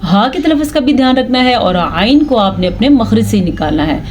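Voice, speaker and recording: A woman's voice: fairly high pitch, big pitch swings, a little mellow, slight background noise. Woman patiently teaching Quran recitation. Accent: Pakistani Urdu. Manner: explains rules, then recites verses slowly and drawn out. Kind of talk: patient step-by-step recitation lesson.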